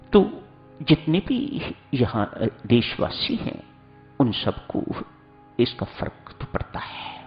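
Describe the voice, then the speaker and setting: Male preacher, unhurried and teaching, pitch rising and falling widely. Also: gravelly, dull audio. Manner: slow, instructive, addresses listeners as seekers. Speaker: spiritual preacher. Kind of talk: sermon.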